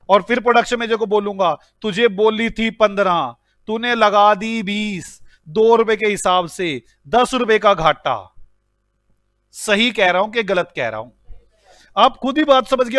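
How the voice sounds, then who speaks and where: A high-pitched man lectures an exam-prep class in a lively, playful way. He teases and scolds his students and fires rhetorical questions at them. His voice is close and dry, with no room sound. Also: dry recording. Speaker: accounting exam teacher.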